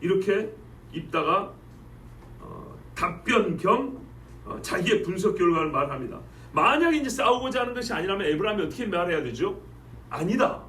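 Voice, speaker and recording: A male pastor preaching a Wednesday sermon, asking the congregation rhetorical questions and reading scripture verses slowly and with weight. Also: high-pitched, lively intonation, pushed and bright, echoey room, far from the mic, a little hiss or hum, rough recording.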